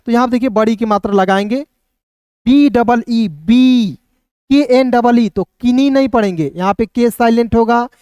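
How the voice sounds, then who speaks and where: Man, pronunciation teacher, smooth voice, dry close sound, repetitive step-by-step manner. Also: very high voice, darkish tone, dry recording, lo-fi sound. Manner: repeats words slowly, often says "dosto" and "clear hai". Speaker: English teacher. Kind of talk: spoken pronunciation lesson.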